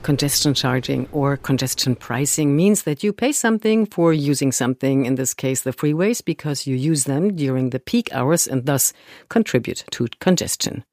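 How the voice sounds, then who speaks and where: A man narrates a scripted report as its host. His voice sits at an average pitch, and the close, dry recording leaves no room sound around his explanatory delivery. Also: animated, normal speed, darkish tone, no echo. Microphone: close dry narration mic.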